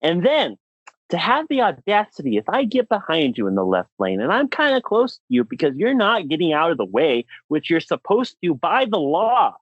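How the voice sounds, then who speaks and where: Speaking at a moderate pace, an American podcast co-host rants for laughs in a fairly high, slightly rough voice whose pitch swoops wildly. He's young, emphatic and exasperated. The dull, dry recording has no echo.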